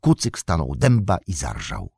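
A man narrating an audiobook in a measured, expressive reading. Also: rumbling low, vocal fry, slightly rough, no room sound, clean studio sound. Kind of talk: scripted narration.

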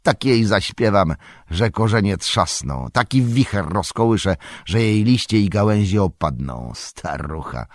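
A man voicing Tom Bombadil, booming and merry. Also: animated, measured pace, few pauses, no echo, clean studio sound. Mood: boisterous. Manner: booming, singsong, merry and bossy. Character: jolly, boisterous, bearded old forest spirit-man. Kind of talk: audiobook character voice.

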